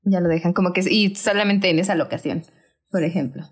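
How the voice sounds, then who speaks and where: Young woman, podcast co-host, lively casual film chat, laughs easily, pops into high squeals. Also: fairly quick, slightly rough. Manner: animated, laughs often, acts out her own reactions in high squeals.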